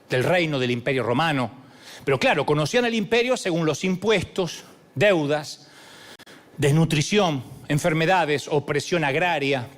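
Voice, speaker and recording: A middle-aged Argentine pastor preaches with a high, restless voice that swoops wildly up and down. He tells his stories theatrically, acting out little voices with jokes along the way. It sounds like a sermon delivered from a large church stage. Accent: Argentine Spanish. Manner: theatrical storytelling with acted voices and humor.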